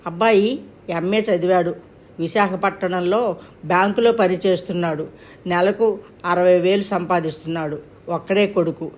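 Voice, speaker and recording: A woman's voice: mid-range voice, close to an everyday voice. A woman voicing an earnest young bride-to-be daughter who speaks in a pleading way in a storybook reading.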